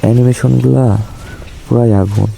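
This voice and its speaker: Hoarse, gravelly Bangladeshi gaming man. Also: steady tone, moderate pace. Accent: Bangladeshi Bengali. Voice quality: gravelly, low and dark. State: hoarse from a cold. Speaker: gaming YouTuber. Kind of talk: casual game update commentary.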